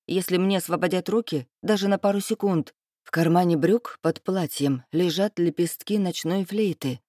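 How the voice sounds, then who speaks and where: A woman reading a first-person fantasy audiobook in an expressive, measured storytelling manner. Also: on the low side, no echo, studio quality. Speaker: audiobook narrator.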